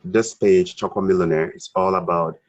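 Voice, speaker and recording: A man's voice: low voice, steady tone, normal speed, highs cut off. A man hosting his first online interview over a video call, friendly and encouraging. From Africa. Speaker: interview host.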